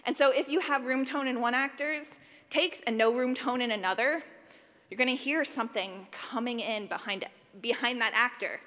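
A sound designer for audio fiction gives an informal conference talk with audience questions, animated, self-deprecating, and jokey, often saying "like." Her voice is a little high. She speaks live in a large, reverberant room, and the recording has a reverberant hall sound.

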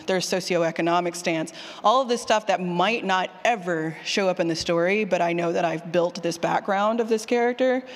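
Speaking at medium pitch, this workshop presenter, once a college teacher, keeps things informal, animated, and emphatic, echoing each audience question aloud. It's a conference talk with questions from the floor, held in an indoor room or hall, and the live recording carries noticeable hall reverb.

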